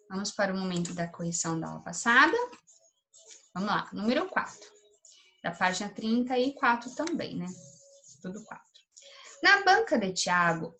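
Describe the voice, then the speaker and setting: A woman teacher with a Brazilian Portuguese accent records a lesson for young pupils. She explains each exercise patiently, reads the text slowly and deliberately, and often ends phrases with a questioning tag. Her voice sits at an ordinary middle pitch. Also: fairly bright tone. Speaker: primary school teacher. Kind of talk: recorded remote class lesson.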